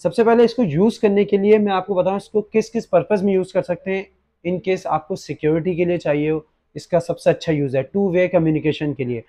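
Seated at a desk in a small gadget shop studio, a young adult presenter with a Pakistani accent walks viewers through an unboxing, sprinkling English words into his explanations. He sounds high and steady with a dark tone, talking a little fast.

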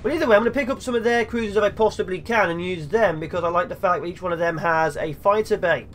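A man's voice: sits high, fast talker, slight background noise. A young man hosting a game let's play, chatting and joking to himself as he plays. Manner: chatty, jokey, talks to himself while playing. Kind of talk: gameplay commentary.

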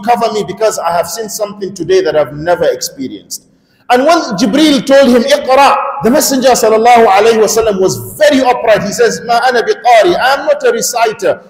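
A middle-aged man from Nigeria giving an interactive Islamic lecture in a mosque, putting questions to the audience and speaking at a stand microphone. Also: high-pitched. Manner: interactive, questions the audience, emphatic rising calls. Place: large mosque hall, indoors. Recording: echoey mosque hall reverb.

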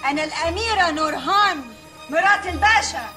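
A haughty princess speaks imperiously. Her voice is very high and quick, with music running underneath. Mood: indignant. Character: haughty princess, wife of a pasha.

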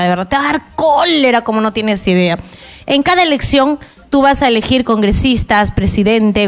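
A middle-aged woman journalist giving impassioned political commentary, indignant and emphatic, talking straight to the listener. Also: fairly high pitch.

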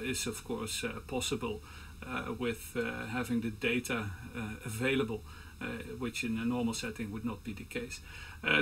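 A man's voice: medium pitch, creaky, a bit bright, slightly rough. Hesitant male lecturer on a headset. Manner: hesitant, many fillers and restarts. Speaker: university lecturer. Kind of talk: recorded slide presentation. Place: indoor room.

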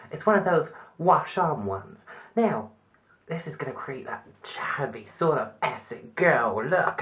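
A man's voice: a little high, a bit bright, highs cut off. A man presenting a comic spoof makeup tutorial in a chirpy, mock-instructional patter.

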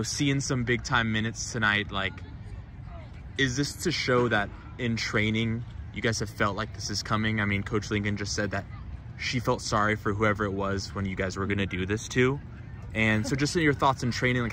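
Man, sideline interviewer, bright voice, long rambling questions, outdoor field at night. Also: lowish voice, moderate pace, slight background noise.

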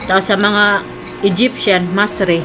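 Filipina woman doing a mukbang, slow casual chat between bites, noisy room with clattering dishes. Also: medium pitch, flat delivery. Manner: talks while eating, with savoring hums. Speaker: mukbang host. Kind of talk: casual food vlog chat.

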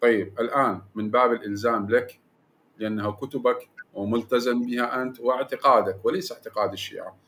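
Male debater, fast talker with a bright, forceful voice, keeps repeating points over interruptions. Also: mid-range voice, steady tone, a little hiss or hum. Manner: insistent, repeats himself to hold the floor. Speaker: debate panelist. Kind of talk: heated religious debate.

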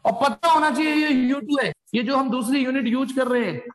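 A man's voice: extremely high pitch, fairly quick, slight background noise. Chatty male physics teacher. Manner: chatty, calls students beta, slangy asides. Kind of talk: live online class. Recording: echoey room with long reverb.

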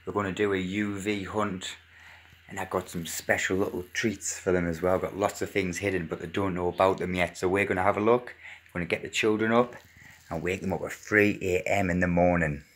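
A man in his thirties speaking in a hushed, low voice for a night vlog, filming himself on a phone at home. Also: fairly even intonation, a little fast. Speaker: family vlogger. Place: dark hallway and bedroom at home. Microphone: handheld phone at arm's length. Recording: noisy handheld phone audio, clicks.

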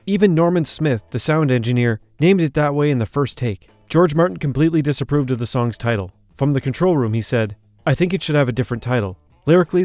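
A man's voice: mid-range voice, darkish tone, no echo. A man reading a scripted documentary narration, shifting his emphasis from phrase to phrase.

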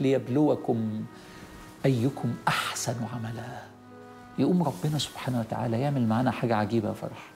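A middle-aged Egyptian preacher with a gravelly, creaky voice talks quickly and with emphasis, hammering home his key phrases. He speaks straight to the listener, and faint music plays under his sermon. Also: medium pitch, a little mellow. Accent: Egyptian Arabic.

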